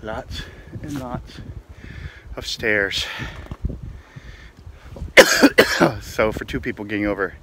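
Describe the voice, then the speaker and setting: A man's voice: fairly low pitch, extremely slow, long pauses, fairly bright tone. Winded guy joking around on a hiking vlog, handheld camera, some faint outdoor noise. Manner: chatty, jokey, talks to himself. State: out of breath. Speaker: vlogger. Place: outdoors on a rocky mountain trail.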